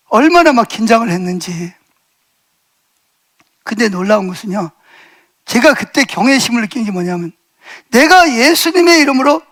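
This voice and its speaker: In a church sanctuary, a middle-aged male pastor with a very high voice preaches a sermon built around a personal story. He re-enacts it vividly, shouting the lines, then swinging from loud exclamations to hushed asides.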